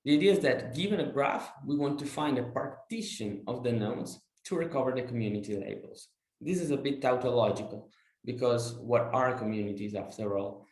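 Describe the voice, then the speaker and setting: A young man with an Italian accent presenting his PhD research over slides, explaining carefully with many "uh" pauses. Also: mid-range voice, a little mellow, echoey room. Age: young adult.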